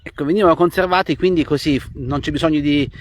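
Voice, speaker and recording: Man presenting, slightly high-pitched. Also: quick pace. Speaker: host and interviewer of a live stream. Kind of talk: live presenting and interviewing. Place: outdoors in the countryside.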